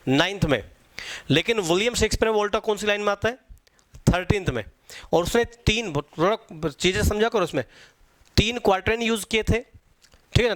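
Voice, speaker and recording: A man's voice: high-pitched, fairly bright tone, no room sound. A man teaching an exam-prep lecture. He repeats key points and quizzes his students.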